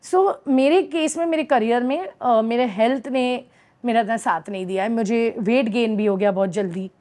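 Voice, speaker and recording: A woman's voice: on the high side, normal speed, a little mellow. A woman in her thirties with an Indian accent, an actress chatting in an interview, bubbly and mixing Hindi with English. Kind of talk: casual interview chat.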